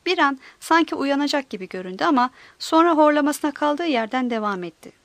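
A woman narrating an audiobook in a steady, measured storytelling manner. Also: sits high, creaky, no echo.

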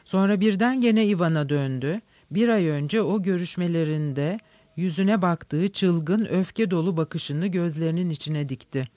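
A man narrating a novel in a steady, measured reading. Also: sits high, no room sound.

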